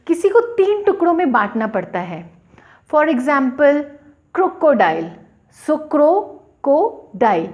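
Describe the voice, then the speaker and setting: Slow, lively-pitched woman teaching English. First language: Hindi. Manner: slow, deliberate, spells out letters and syllables. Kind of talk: bilingual classroom explanation.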